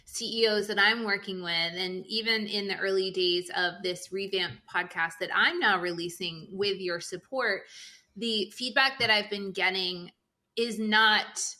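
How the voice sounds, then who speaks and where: Brief: a woman podcast host, bright and forceful tone, reflective questions. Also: medium pitch, fairly even intonation, unhurried. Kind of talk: conversational interview.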